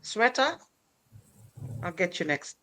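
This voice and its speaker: A middle-aged woman from Fiji hosting a casual livestream chat, pausing often with fillers. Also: mid-range voice, sing-song, bright, forceful tone. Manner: hesitant, many fillers. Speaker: host.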